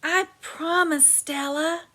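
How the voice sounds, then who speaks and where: A woman's voice: very high voice, fairly even intonation, slow pace, sharp tone, voice pushed up, heavily acted. A woman reading as an earnest male gorilla. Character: steady, loyal male gorilla.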